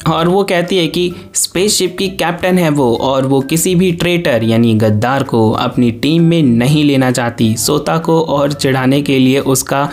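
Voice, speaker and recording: A man's voice: a little high, measured pace, few pauses, a little mellow. A young man casually recapping an anime episode in a chatty way, often mixing in English words. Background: faint background music.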